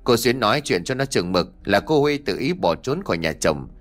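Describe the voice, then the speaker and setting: A man's voice: fairly low pitch, sing-song, moderate pace. A man doing a cold haughty servant. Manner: cold, unsympathetic.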